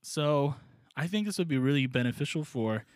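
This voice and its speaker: A man's voice: a little high, lively intonation, moderate pace, no room sound. A man co-hosting a comedy podcast in casual chat, rambling and joking with lots of fillers. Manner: rambling, jokey, many fillers. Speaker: podcast co-host.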